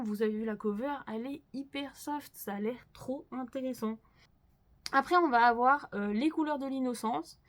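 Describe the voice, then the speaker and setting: Young woman chatting about new releases, a bit high pitched, lots of euh, candid opinions. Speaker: manga news channel host. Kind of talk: casual chat to viewers.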